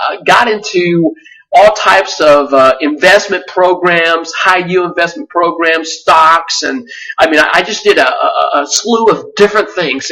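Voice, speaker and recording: A man in his forties, from Vietnam, gives an earnest sales-pitch webinar and keeps restarting his sentences. His voice is bright and sits fairly high. He sounds set back from the microphone. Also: recorded from a distance, poor audio. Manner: earnest, with frequent fillers and restarts. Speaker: webinar presenter.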